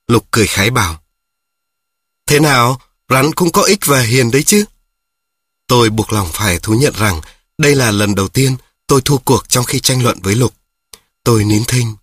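Husky-voiced man reading a children's story. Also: mid-range voice, no echo, clean studio sound. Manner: steady, addresses listeners directly. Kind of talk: scripted narration of a children's story.

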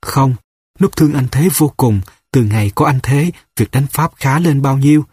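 A man's voice: medium pitch, moderate pace, a little mellow, husky, dry recording, lightly acted. A man reading the lines of a stubborn young village man torn by grief, in a plain read-aloud delivery. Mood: earnest.

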